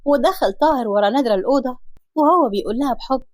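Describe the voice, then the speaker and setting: A woman's voice: high voice, animated, very fast, no room sound. A woman storyteller with an Egyptian accent narrating a romance story.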